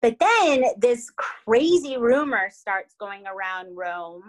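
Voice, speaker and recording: A young adult woman hosts a casual storytelling chat, animated and dramatic in her delivery. She leans on fillers like "like" and keeps asking "right?" to pull her listener along. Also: fairly high pitch, slow pace, rough recording. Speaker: podcast host telling a true crime story.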